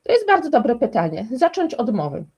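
A woman's voice: on the high side, huge pitch swings, brisk, a little mellow, husky. A woman speaking as a guest expert in a conversational interview, explaining emphatically and restarting often.

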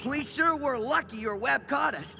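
A man's voice: extremely high pitch, moderate pace, vocal fry, heavy background noise. A man voicing a friendly, dim-witted cartoon jungle man in a goofy, eager and naive way. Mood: cheerfully oblivious. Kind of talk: cartoon voice acting. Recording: music behind the voice.

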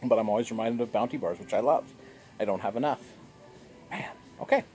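This vlogger's voice is on the low side and a little fast as he reviews a beer on a sunny patio, with soft music playing in the background. He is jovial and chatty, gestures animatedly, and is filmed by a fixed camera across the table.

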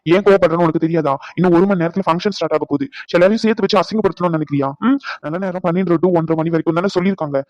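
A man's voice: on the high side, rapid-fire, few pauses, no echo, lo-fi sound, natural voice. A man voicing a stressed young husband in a cartoon, scolding his wife in long rants. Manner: scolding rants, softening into comfort. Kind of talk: cartoon voice acting.

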